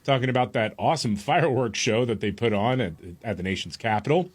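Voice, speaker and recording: A man's voice: medium pitch, fast. Laid-back male radio co-host. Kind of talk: casual studio banter and ad reads.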